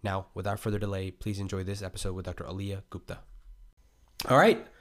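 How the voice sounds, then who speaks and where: This podcast host's voice is low and fairly bright, with little pitch movement and a brisk pace. He reads out a guest intro before drifting into relaxed interview chat, asking meandering questions packed with fillers.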